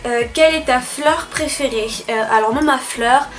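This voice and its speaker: A woman's voice: high voice, normal speed. Hesitant young woman vlogger, music behind. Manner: hesitant, many filler sounds. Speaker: beauty vlogger. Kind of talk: casual spring tag video.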